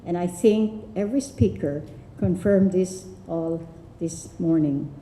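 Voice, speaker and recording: A woman from the Philippines giving a formal tribute speech at a forum, with measured, deliberate delivery. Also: lowish voice, mellow, slight background noise. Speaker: forum speaker. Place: university lecture room. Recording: echoey lecture room.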